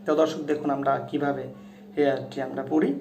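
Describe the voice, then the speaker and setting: A man teaching Quran recitation and pronunciation, explaining to viewers and then chanting each word of the verse slowly and loudly. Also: medium pitch, flat delivery, reverberant, slight background noise. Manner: addresses viewers directly and repeatedly. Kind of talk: tutorial on Quran pronunciation and tajweed.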